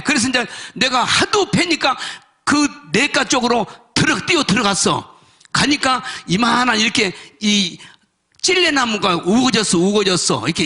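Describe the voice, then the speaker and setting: High, husky-voiced pastor preaching. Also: male voice. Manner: emotional storytelling, swells to shouts. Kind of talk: sermon testimony.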